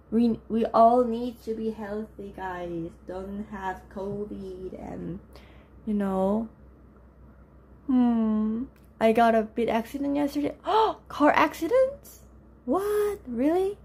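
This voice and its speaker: Friendly woman teaching a live online class. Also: a little mellow. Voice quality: lower, rough voice from just waking up. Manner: chatty, greets and answers viewers by name, laughs often. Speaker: Korean language teacher. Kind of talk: live-streamed lesson with chat.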